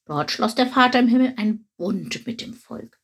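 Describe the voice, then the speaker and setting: A woman's voice: fairly high pitch, lively intonation, moderate pace. Skarabäus, a woman doing a grumpy old beetle. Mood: explaining. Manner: gruff, then patiently explaining. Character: grumpy proud old male dung beetle. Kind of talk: storybook reading.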